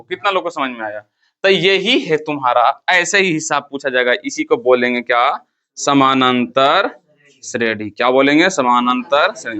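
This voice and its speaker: A man's voice: on the high side, sharp tone. A male math teacher with a Bihari Hindi accent, lecturing a class. He asks questions, answers them himself and counts through the steps. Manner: counts step by step, repeats key terms.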